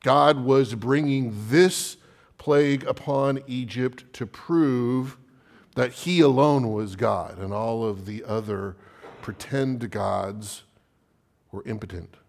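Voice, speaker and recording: Slow, emphatic male preacher. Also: creaky. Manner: slow, emphatic, swinging from loud declarations to hushed low phrases. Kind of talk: evening sermon.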